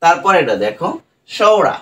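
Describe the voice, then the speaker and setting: A man with a Bangladeshi accent leads an online English pronunciation lesson in Bengali. His voice sits slightly high, and he spells each word letter by letter. A faint hiss of background noise runs underneath. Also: sing-song, moderate pace, a bit bright. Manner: spells words letter by letter, asks "right?" often. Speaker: English teacher.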